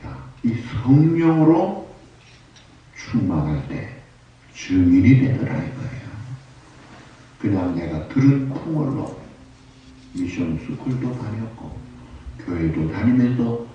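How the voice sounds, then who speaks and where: Male pastor, emphatic sermon delivery, animated rising pitch, mic far off in a dull, echoey church hall. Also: slow pace, pauses often, a little hiss or hum. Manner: emphatic preaching with rising exclamations and rhetorical questions.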